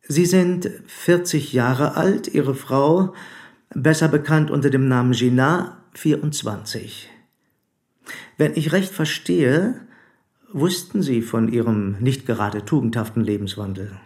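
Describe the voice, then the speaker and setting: A male actor takes the role of a police commissioner in a German radio drama, questioning in a formal, probing, deliberate and insistent manner. The medium-pitched voice has a darkish tone and a stern, measured mood.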